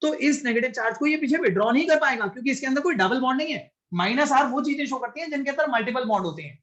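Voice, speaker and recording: A man's voice: very high voice, expressive, very fast, a bit bright. Male chemistry teacher, live class lecture; patient step-by-step explainer who keeps checking understanding, drops English terms into his talk. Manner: explains step by step, often checks if students follow; mixes English science terms into Hindi. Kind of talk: classroom lecture with online students.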